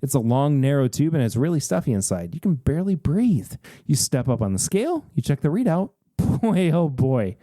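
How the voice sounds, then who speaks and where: Rich: An animated male podcast host reading a story aloud. His voice is mellow and dark, and his pitch moves a lot, with casual pauses and jokes in between. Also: no echo, studio quality. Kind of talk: casual read-aloud with banter.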